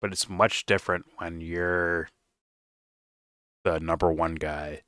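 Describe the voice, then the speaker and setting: A man with a low voice but a bright, forceful edge reacts on a casual show. He swears freely and stumbles into restarts as he thinks aloud. The mic is close and dry. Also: fairly even intonation, slow pace, dry recording. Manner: loose, profane, stammering restarts with laughs.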